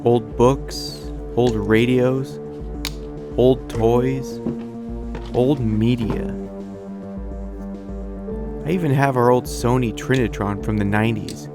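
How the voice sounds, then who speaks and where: This man in his forties, a video creator, keeps a steady tone in a mid-range voice, talking slowly and pausing often over music. He addresses viewers casually while sharing reflective personal narration.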